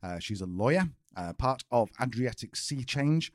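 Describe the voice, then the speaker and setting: A podcast host chats casually in a mid-range voice at a normal pace, his intonation lively as he jokes at his own expense. The studio-quality recording has no echo.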